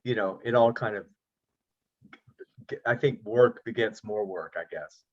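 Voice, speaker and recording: There's an unhurried, lowish quality to this middle-aged man's voice as he chats easily over a video call. An actor and producer being interviewed, he trades in self-deprecating humor, and the lo-fi audio is slightly dull.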